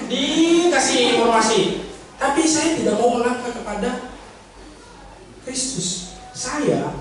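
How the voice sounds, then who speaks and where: A man's voice: high voice, slight background noise. A man preaching to a congregation, acting out a pleading sinner in a dramatic sermon illustration. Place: church hall. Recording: echoey church hall from far off.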